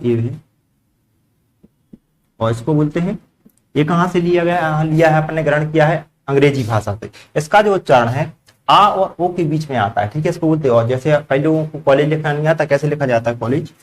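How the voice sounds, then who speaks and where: A man's voice: on the high side, fairly quick. A man teaching a grammar lesson to a class, asking the students questions and repeating their answers back. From India.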